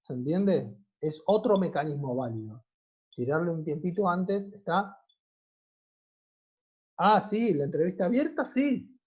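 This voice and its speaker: Male Argentine lecturer, husky voice on a dull lo-fi video call, checks in with students and poses questions he then answers. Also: sits high, lively intonation, measured pace, long pauses. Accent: Argentine Spanish. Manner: checks in often and asks rhetorical questions. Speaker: university teacher. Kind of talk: online class lecture.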